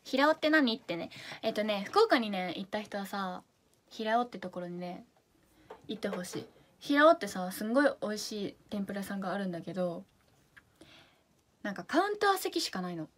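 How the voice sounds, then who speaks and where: A woman's voice: mid-range voice, sing-song, brisk. A young woman from Fukuoka with a Hakata accent, chatting casually on a livestream and reading out viewer comments in a bubbly way. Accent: Hakata dialect. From Fukuoka, Japan. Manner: bubbly, chatty, drops to soft asides. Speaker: idol livestream host.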